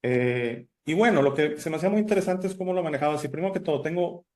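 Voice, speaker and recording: A man's voice: fairly high pitch, fast, darkish tone. A man from Italy, raised elsewhere, hosting an interview in a chatty way with many fillers and restarts. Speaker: host. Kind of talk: casual interview chat.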